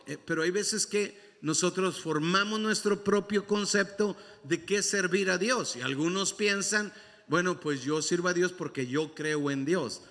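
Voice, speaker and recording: A man preaches in a church, his voice pitched high for a man. He repeats his key lines and calls on the congregation to respond. A long reverb from the sanctuary trails every phrase. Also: unhurried, a bit bright. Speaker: pastor. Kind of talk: sermon.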